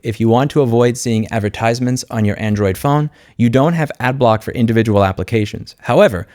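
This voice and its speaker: A man with a medium-pitched, slightly mellow voice talks off the cuff in a clean, dry studio recording. He's a YouTube host and consumer rights advocate, blunt and sardonic, delivering an informal unscripted vlog monologue while walking through his screen.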